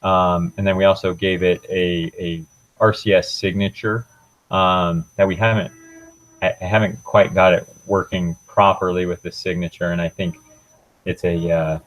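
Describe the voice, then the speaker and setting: Sitting low with a level tone, a young student's voice comes through with the highs cut off as he haltingly walks through a software demo. It's an informal technical presentation, delivered hesitantly.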